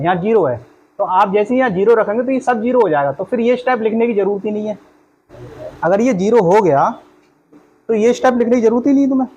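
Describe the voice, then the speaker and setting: A man's voice: high-pitched, a little mellow, husky, rough recording. A man teaching a math lesson in a classroom, walking through each step aloud and quizzing the class with questions.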